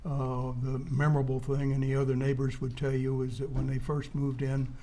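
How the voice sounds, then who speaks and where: A man giving courtroom testimony as a witness in a hesitant, halting, understated way. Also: medium pitch, completely flat delivery, mellow, a little hiss or hum.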